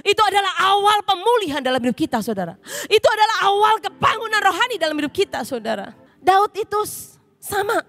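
A woman's voice: extremely high pitch, big pitch swings, fast talker, fairly bright tone, no echo. A woman pastor preaching a sermon with emotion, often turning to her listeners.

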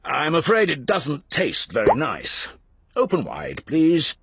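A man's voice: on the high side, huge pitch swings, takes it slowly, fairly bright tone, husky, no room sound, exaggerated voice. A man with a British accent voicing a kindly, reassuring bear doctor in a preschool cartoon. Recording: music behind the voice.

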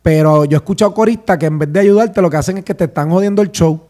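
Hoarse man telling a story. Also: a little high, quick pace, mellow. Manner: storytelling, quotes others, says "¿me entiendes?". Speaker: podcast host; singer. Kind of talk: casual chat.

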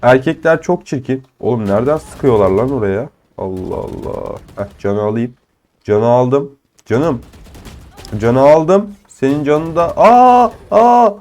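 Excitable young man commentating a shooter game. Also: medium pitch, measured pace. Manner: excitable, swears and jokes at opponents. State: ill with a cold. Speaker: gaming channel host. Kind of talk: live gameplay commentary.

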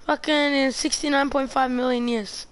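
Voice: high voice, fairly even intonation, moderate pace, a bit bright. A young gamer born in Lebanon, speaking, chatting casually and teasing with crude, swear-heavy banter. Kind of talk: casual gaming chat.

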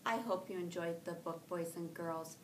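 A camera placed several feet away records a middle-aged teacher indoors in a classroom, reading a children's picture book aloud. Her storytelling is expressive and measured, with drawn-out words, and the audio is echoey and distant with a soft rumble.

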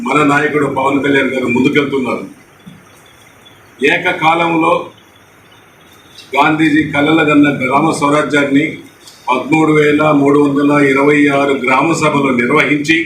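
A man's voice: fairly high pitch, fairly even intonation, normal speed, pauses often, fairly bright tone. A man from a local Telugu party gives a formal political speech, full of honorifics and thanks, at a party office opening. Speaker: party speaker. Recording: echoey, distant, noisy news mic.

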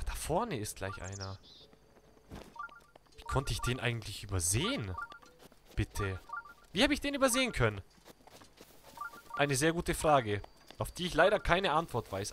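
A young man with a German accent, chatting excitedly to viewers while playing a video game. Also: mid-range voice, background noise. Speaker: let's play gamer. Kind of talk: live game commentary.

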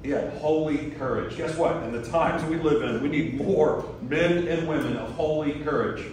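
A man's voice: fairly high pitch, normal speed, darkish tone, a little hiss or hum. Echoey distant man preaching a sermon. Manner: earnest, builds to emphatic peaks. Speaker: guest preacher. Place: church sanctuary. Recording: echoey church from far off.

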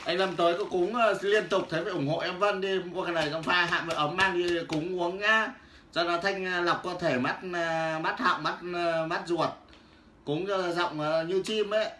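A man, hawking goods on a casual livestream, loud and teasing as he calls out viewers by name. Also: sits high, steady tone, moderate pace. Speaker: livestream seller. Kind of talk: casual livestream sales patter. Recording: roomy with faint background noise.

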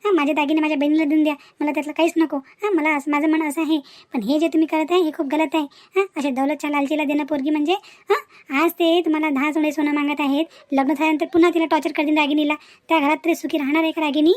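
In a cartoon family drama, a woman voices an outspoken young niece who indignantly lectures and scolds dowry-seeking elders. Her voice sits high and comes out fast and flat, close to an everyday voice, with no room sound.

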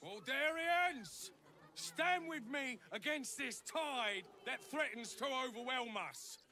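A man's voice: very high-pitched, expressive, slow, sharp tone, full character voice. A man playing an indignant, haughty townsman in a fantasy game, making scornful, declamatory speeches against outsiders. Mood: rallying.

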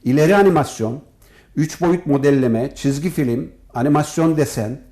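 A professor and department head with a fairly high, mellow voice appears as an interview guest. His answers sound prepared, formal, and measured, with points set out in orderly, list-like phrases.

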